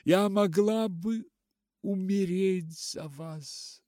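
A male audiobook narrator voicing a humble, devoted young working woman, soft and tearful. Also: high voice, drawn-out words, no echo, clean studio sound, pitched above the performer's own voice. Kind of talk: literary audiobook reading.

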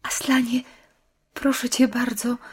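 A woman's voice: fairly high pitch, level tone, slow pace, husky, pitched above the performer's own voice, full character voice. A woman reading a pleading young girl. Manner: earnest, pleading.

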